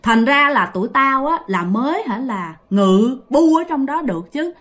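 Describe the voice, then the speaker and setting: Brief: woman doing a possessing ghost, high, shrill and threatening, Southern Vietnamese accent. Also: lively intonation, moderate pace. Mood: menacing. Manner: threatening, shouting curses. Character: vengeful male ghost spirits possessing a body.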